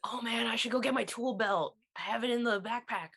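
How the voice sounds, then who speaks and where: A woman voices a naive character in a tabletop game with a deadpan touch. Her tone is bright and forward. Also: on the high side, fairly quick, gravelly, slightly rough. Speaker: player. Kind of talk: in-character tabletop role-play.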